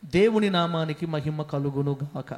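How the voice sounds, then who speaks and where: A man pastor preaching a sermon with passion, swinging between hushed and loud passages and calling on the congregation to answer aloud. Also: fairly high pitch, moderate pace. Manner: calls on the congregation to respond aloud.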